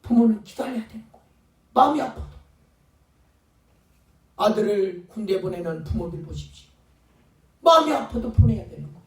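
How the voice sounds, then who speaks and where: A man's voice: high-pitched, expressive, normal speed, long pauses. A male pastor preaching a fervent sermon, sometimes acting out pleading voices. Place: church sanctuary. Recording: echoey church sound from a distant mic.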